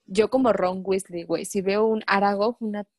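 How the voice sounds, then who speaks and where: A young woman with a Mexican Spanish accent, chatting casually with friends and telling stories in a slangy, animated way. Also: medium pitch, moderate pace, no room sound. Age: young adult. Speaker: student. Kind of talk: casual chat among friends.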